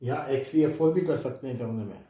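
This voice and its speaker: A man's voice: medium pitch, expressive, fast, mellow. A male chemistry teacher lecturing in speech, repeating key points and mixing English terms in. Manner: explains with repetition, mixes English terms into Hindi. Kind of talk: recorded classroom lecture. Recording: echoey room, voice from far off.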